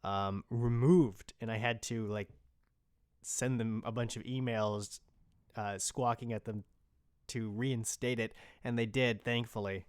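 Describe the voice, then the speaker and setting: A man hosting his podcast rambles casually and unscripted, informal and mildly profane. His medium-pitched voice is smooth with fairly even intonation and a slightly slow pace, captured in clean studio sound with no echo.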